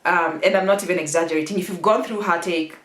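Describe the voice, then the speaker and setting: A woman's voice: fairly low pitch, fairly even intonation, quick pace, fairly bright tone. Candid Kenyan woman telling a story. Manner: candid, emotional, laughs often while telling. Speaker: vlogger. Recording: echoey room.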